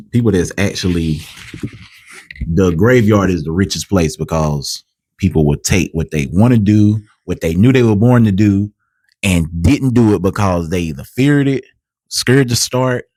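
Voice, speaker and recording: A man's voice: low-pitched, a little mellow, no room sound. A man who hosts the interview, encouraging his guest and adding motivational asides. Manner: encouraging, many affirming murmurs, motivational asides. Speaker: interview host. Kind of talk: casual interview hosting.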